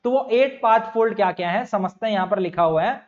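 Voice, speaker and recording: A young man teaching an exam-prep lecture in a fairly high voice. He repeats key terms and throws questions at the class, calling his students bhaiya. The recording sounds dull and lo-fi. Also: brisk. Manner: addresses students as bhaiya and bachcha.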